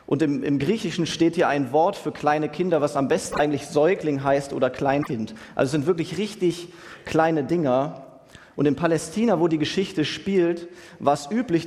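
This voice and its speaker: A man's voice: on the high side, darkish tone. Young male preacher in a reverberant hall. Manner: casual, youthful slang, asks "Ja?" often. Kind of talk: sermon.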